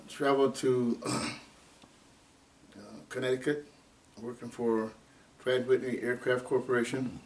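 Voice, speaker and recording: A man in his eighties from Ohio, telling his life story in an oral history interview at an unhurried, rambling pace with many fillers. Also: medium pitch. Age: 80s. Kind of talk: unscripted life-story reminiscing. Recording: distant mic with faint background noise.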